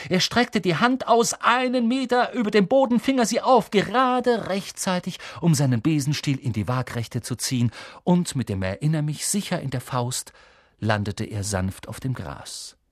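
A male audiobook reader narrating with animated delivery. His voice sits a bit high and moves lively through its range. The sound is dry and close to the mic. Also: no echo. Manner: animated storytelling. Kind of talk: scripted narration.

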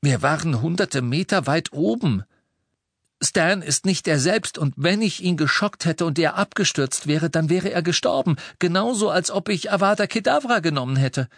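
A man's voice: fairly high pitch, expressive, a little slow, dry recording, pitched above the performer's own voice. Guy reading as a defiant teen boy wizard, raised and agitated, arguing back. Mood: defiant, shaken.

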